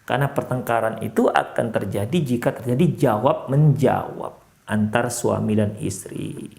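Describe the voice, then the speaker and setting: A male Islamic preacher from Indonesia with a Medan accent, giving a sermon in a mosque. He talks in an animated way, climbing sharply for emphasis and then dropping low and soft. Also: moderate pace, vocal fry. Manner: animated, rises sharply in pitch for emphasis, drops low and soft when counselling.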